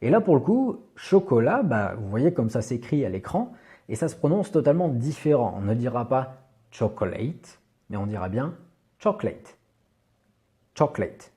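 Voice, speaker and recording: A man's voice: medium pitch, sing-song, mellow. A man teaching English pronunciation in a video lesson, speaking patiently and carefully, with frequent small fillers. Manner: patient, slow, with many "bah" fillers.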